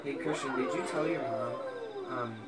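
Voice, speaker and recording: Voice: medium pitch, normal speed. A friend chatting casually during a video game session, teasing and giving nagging advice. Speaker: gamer friend. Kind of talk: casual let's-play chatter. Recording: loud game music behind voice.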